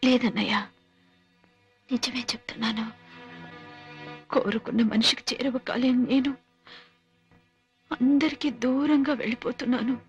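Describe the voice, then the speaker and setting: An actress playing a heartbroken young sister, speaking slowly and mournfully over the phone, heard over loud film music. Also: female voice, mid-range voice, expressive, vocal fry, highs cut off. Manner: slow, mournful speech.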